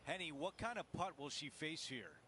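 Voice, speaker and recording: A man's voice: a little high, animated, normal speed, sharp tone, a little hiss or hum. A man working as a golf commentator, calling shots and scores in tournament commentary.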